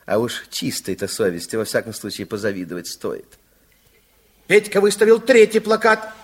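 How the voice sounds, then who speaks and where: A male actor plays an expressive, kindly storyteller narrating a 1960s children's fairytale radio play in a theatrical, heavily acted manner. His voice is on the low side and slightly rough, at normal speed, and the mood is suspenseful.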